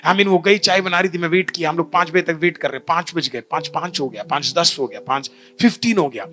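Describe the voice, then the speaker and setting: A man, a pastor, giving a testimony sermon in a church, mixing Hindi with English phrases and often saying "I mean", sometimes rising into fervent shouted preaching. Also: fairly high pitch, a little fast, slight background noise. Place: church hall.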